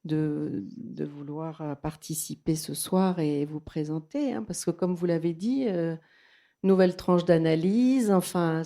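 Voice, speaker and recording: Warm and on the low side, the voice belongs to an Argentine psychoanalyst, a native Spanish speaker with a Toulouse French accent. Presenting at a bookshop, she shares a personal story in a reflective, hesitant manner.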